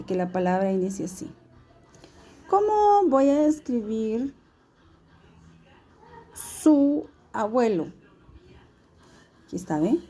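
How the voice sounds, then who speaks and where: Slow, mellow-voiced teacher woman. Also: fairly high pitch. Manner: slow, patient explaining with questions to students. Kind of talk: recorded video lesson.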